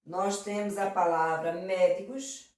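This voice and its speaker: Going over exam questions in an exam prep lesson, a woman teacher speaks a little slowly in a fairly low, steady, slightly mellow voice. Her tone is affectionate, full of diminutives and frequent check-ins with students. The audio is very echoey, recorded from a distant mic.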